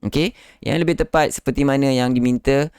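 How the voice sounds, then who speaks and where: A man's voice: mid-range voice, steady tone, a little fast, darkish tone, smooth, no echo, studio quality. A man hosting a live online lesson on Quran recitation, explaining with frequent "ah" fillers and showing how words are stressed. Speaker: Quran recitation teacher and live show host.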